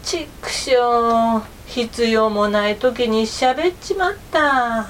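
A sly, flattering male fox, played by a woman storyteller, coaxes in slow, drawn-out words. He sounds crafty beneath the sweetness, in a storybook folk-tale manner. A faint background hum runs under the voice. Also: on the high side. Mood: grumbling. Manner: slow, coaxing, sweet-talking.

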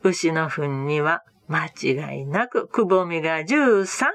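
A woman reading a folk tale aloud as a storyteller, with slow, expressive delivery. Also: sits low, no room sound.

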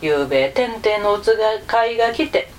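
Brief: woman as humble rich couple, reverent and pleading, lively pitch. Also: moderate pace, slight background noise, lightly acted. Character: rich middle-aged couple, humble and awed.

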